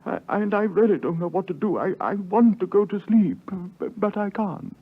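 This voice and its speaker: An actor playing a weary, vain old English ghost in 1950s radio drama, pompous and plaintive in manner, with an English accent. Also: male voice, sits high, moderate pace, husky. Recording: muffled vintage 1950s radio recording.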